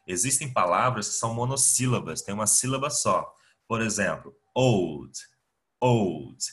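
A Brazilian man teaches a grammar lesson over a video call, picked up by his computer mic. His voice sits a little low yet sounds bright and forceful. He explains patiently, one step at a time, with frequent fillers. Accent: Brazilian Portuguese. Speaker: English teacher. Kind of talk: online class lecture. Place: home, remote video class.

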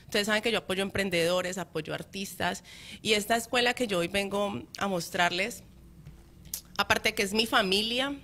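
A woman co-hosting a morning show, introducing guests in a playful, warm way. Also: mid-range voice, moderate pace. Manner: playful, laughing, then warmly presenting guests.

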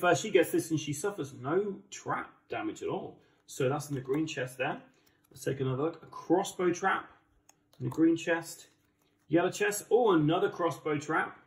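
A man with an English accent giving chatty, enthusiastic, casual unboxing commentary as a board game channel host. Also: a little high. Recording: roomy, distant microphone.

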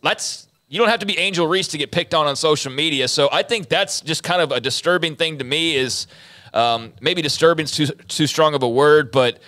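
A man's voice: a little high, a bit bright. A young man co-hosting a sports talk show from a studio, speaking reflectively and rephrasing as he goes. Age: young adult. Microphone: studio mic with headphones.

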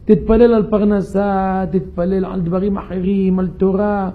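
A man's voice: sits high, flat delivery, narrow, tinny audio. A man voicing an exasperated middle-aged businessman who lectures a friend, in a sermon story. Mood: pleading, lecturing. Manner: lecturing, pleading.

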